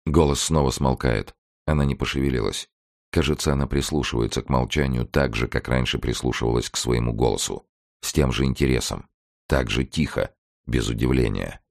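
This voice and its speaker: Deep gravelly man reading a novel. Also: fairly quick, a little mellow. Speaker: audiobook reader. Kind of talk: literary audiobook narration.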